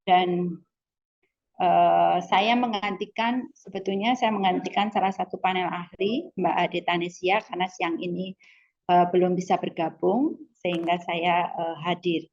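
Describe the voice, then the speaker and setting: A woman speaks very slowly and politely, in a lowish voice, pausing often on hesitant fillers. Her audio is dull and lo-fi, as on a video call. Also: steady tone, darkish tone. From Solo, Central Java. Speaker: lecturer and expert panelist. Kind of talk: formal webinar talk.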